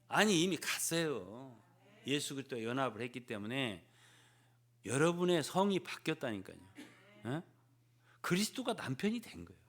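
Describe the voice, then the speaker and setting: An older man preaching a sermon as pastor, often prodding the congregation with a questioning "eh?" and swinging between loud emphasis and hushed asides. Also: a little high. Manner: peppers phrases with prodding "예?" to the congregation.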